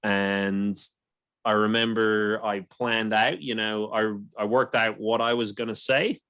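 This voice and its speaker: A man's voice: on the low side, steady tone, slow, a bit bright, smooth, dry recording. A young man hosting a podcast, telling a story in a loose, rambling way. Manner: storytelling, many restarts and fillers. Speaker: podcast host. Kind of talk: casual podcast chat.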